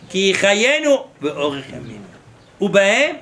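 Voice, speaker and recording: A man's voice: sits high, big pitch swings, unhurried, bright, forceful tone, a little hiss or hum. A man, a rabbi, giving an impassioned sermon, breaking into fervent rhetorical questions and mixing in Hebrew terms. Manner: mixes Hebrew terms into his speech.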